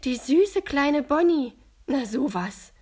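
A woman voicing a grown woman who speaks warmly and with relief. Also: sits high, big pitch swings, takes it slowly, voice pushed up, heavily acted. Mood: relieved. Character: relieved grown woman, community hall keeper.

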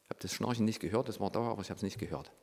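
Low-voiced man telling a story. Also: very fast, in a large hall. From Saxony, Germany. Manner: lively storyteller who acts out quoted dialogue, dropping to a hushed voice. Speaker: former reality show participant. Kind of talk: personal storytelling.

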